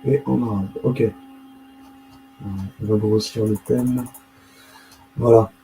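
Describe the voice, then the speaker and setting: A man's voice: on the low side, fairly even intonation, slow pace, dark tone, slight background noise, rough recording. A man hosting his own video channel, rambling and interrupting himself as he muses aloud and mutters while he looks things up on screen. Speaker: YouTube host. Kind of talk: casual screen-share commentary.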